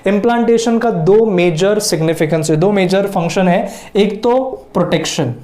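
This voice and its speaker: A man teaching biology in a lecture, mixing Hindi and English and drawing out key terms slowly. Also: high-pitched, darkish tone, echoey room. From India. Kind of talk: whiteboard lecture.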